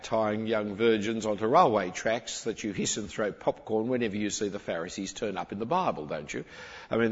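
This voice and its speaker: A man preaching a sermon, animated and emphatic, swinging between loud and quiet, with a husky voice. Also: on the low side. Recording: muffled, reverberant hall recording.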